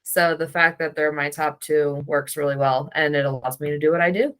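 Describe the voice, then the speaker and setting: Lower-pitched, bright-toned woman, measured delivery. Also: fairly even intonation, smooth. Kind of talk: casual conversation.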